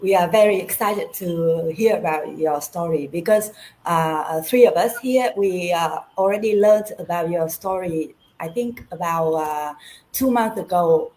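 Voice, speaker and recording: A woman's voice: fairly low pitch, unhurried, darkish tone, poor audio. A woman co-hosting an online interview over a video call, asking polite, hesitant questions. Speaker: co-host.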